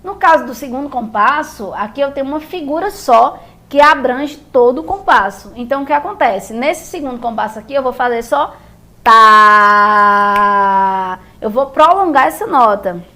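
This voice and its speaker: A woman's voice: sits high, animated, a little fast, fairly bright tone. A Brazilian woman teaching music theory, explaining rhythm step by step and checking in often with her viewers. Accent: Brazilian Portuguese. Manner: patient, repeats and checks in with "beleza?".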